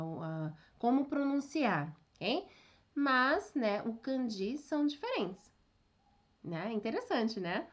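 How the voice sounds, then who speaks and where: A woman with a fairly high, very lively voice gives a relaxed online Japanese lesson. She chats along, keeps checking that her students follow, and laughs easily at her own slips. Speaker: Japanese teacher.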